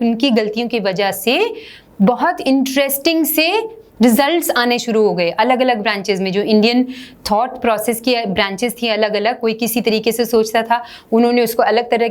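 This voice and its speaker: A woman, an English teacher in an online exam-prep lesson, who reads English text slowly and then explains it in casual, chatty Hindi. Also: a little high.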